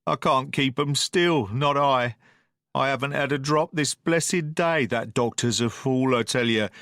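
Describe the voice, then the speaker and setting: A man voicing an old drunken sea captain, feeble but blustering, who wheedles and talks in rough sailor's slang. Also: mid-range voice, a little slow, a bit bright, no echo, studio quality, voice pushed up. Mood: pleading.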